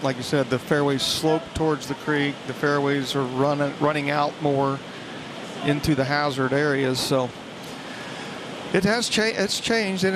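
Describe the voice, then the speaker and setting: A man working as a golf commentator, giving conversational analysis in a halting, think-aloud way. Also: fairly high pitch. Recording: clear outdoor background noise.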